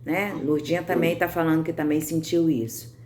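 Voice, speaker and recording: A woman's voice: sits low, fairly even intonation, normal speed, over a noisy crowd. A woman with a Brazilian Portuguese accent giving a conversational devotional sermon. She keeps checking in with her listeners and answers their comments as she goes. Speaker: preacher.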